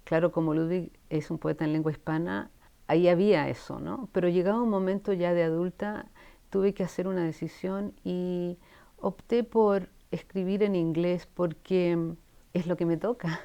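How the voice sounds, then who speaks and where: Woman, 60s, from Chile, gravelly, mellow dark tone, thoughtful, restarts sentences, interview guest. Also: fairly low pitch, fairly even intonation, moderate pace, muffled recording. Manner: thoughtful, with frequent restarts and trailing asides. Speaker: guest writer. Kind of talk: casual interview conversation. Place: university room, in person.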